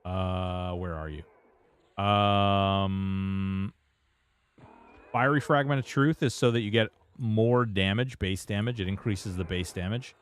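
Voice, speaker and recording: A man's voice: fairly low pitch, slow pace, clear, resonant tone. A man streaming a game, chatting casually and rambling with lots of fillers and restarts. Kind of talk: casual gameplay commentary.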